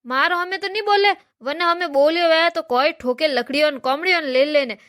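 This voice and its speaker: A woman's voice: sits high, brisk, a bit bright. A woman voicing a gossiping older mother-in-law in a cartoon comedy, speaking with a Marwari accent and complaining about her family. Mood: gossipy. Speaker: cartoon character.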